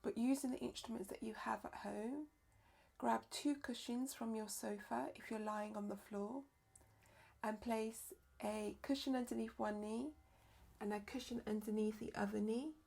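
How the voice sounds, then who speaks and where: A woman leading a live-streamed yoga nidra session as teacher and therapist, speaking softly and slowly, often dropping into a whisper. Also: on the high side, fairly even intonation, gravelly, husky. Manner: soft, slow, often whispered delivery. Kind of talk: live-streamed guided relaxation instruction.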